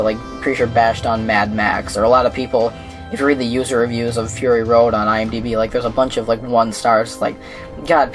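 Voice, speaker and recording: A young man from Minnesota answering viewer questions in a casual, rambling vlog, with lots of fillers and restarts. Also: mid-range voice. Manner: rambling, many fillers and restarts, chuckles at himself. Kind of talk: casual Q&A monologue.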